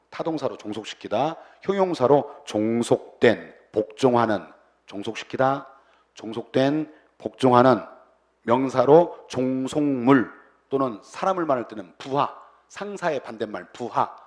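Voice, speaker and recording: Man teaching words in chanted lists. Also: medium pitch. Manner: breaks words into roots and repeats meanings in chanted lists; has students repeat pronunciations after him. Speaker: English lecturer. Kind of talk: vocabulary lecture.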